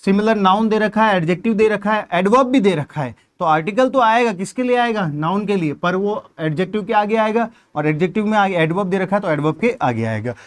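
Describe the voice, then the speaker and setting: A man's voice: high-pitched, animated, a little fast, hardly any pauses. A man with a Hindi accent teaching an exam-prep grammar lesson, explaining step by step and asking questions that he then answers himself.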